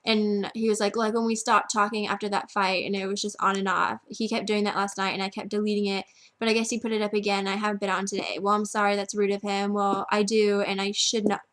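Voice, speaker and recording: A woman's voice: medium pitch, level tone, fast, fairly bright tone. A teenage girl casually telling a friend a story at home, filling every phrase with "like". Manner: chatty, constant "like" filler. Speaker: vlogger.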